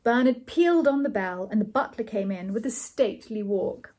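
A woman host gently narrating a storybook aloud in a measured way. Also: on the high side, lively intonation. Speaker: host reading a novel aloud.

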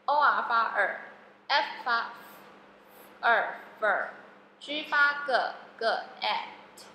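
Phonics teacher, woman, slightly high, bright voice; slow, repeats each word; echoey room. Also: a little hiss or hum. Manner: slow, drawn-out sounding of words, repeating each one. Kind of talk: classroom phonics lesson. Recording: echoey room with long reverb.

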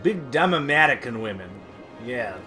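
A male game streamer with a bright, forceful voice that jumps around in pitch, talking casually through his play, swearing and reacting to chat. Faint game music plays underneath. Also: sing-song, normal speed.

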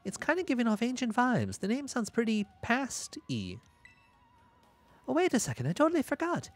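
Man putting on an excitable, high-pitched teenage girl. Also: moderate pace, faint music behind, full character voice. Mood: curious, excited.

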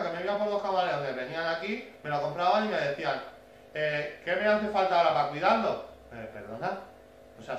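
A man from telling a story to his viewers in a casual, chatty way, tagging many lines with a quick question. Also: fairly high pitch, distant mic, highs cut off. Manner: chatty, frequent "¿vale?" tag questions. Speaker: bird keeper vlogger. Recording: very echoey room, voice off-mic, faint hiss.

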